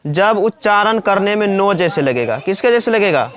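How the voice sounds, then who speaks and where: A woman teacher with a medium-pitched, expressive voice leads a slow, classroom-style spelling lesson for children at a moderate pace. She poses questions, answers them herself, and repeats every point.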